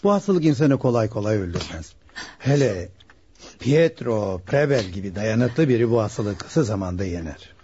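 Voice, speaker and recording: An actor playing a doctor in a radio drama, measured and reassuring. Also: male voice, on the low side, expressive, mellow, a little hiss or hum, natural voice. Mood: calm. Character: calm middle-aged male doctor. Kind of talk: 1960s Turkish radio drama acting. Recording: dull lo-fi archive radio recording.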